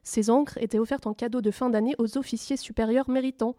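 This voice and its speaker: A woman's voice: a little high, fairly even intonation, fairly quick, mellow, no room sound, clean studio sound. A woman appearing as an expert guest on a mock documentary, laying out precise, detailed explanations.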